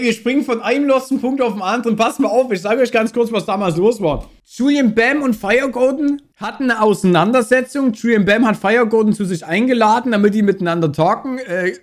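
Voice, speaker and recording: A young man with a high voice rambles through reaction commentary in loose slang. He talks into a boom mic in a small streaming room, headphones on. The talk is casual and drifts from point to point. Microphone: boom mic on arm, wearing headphones.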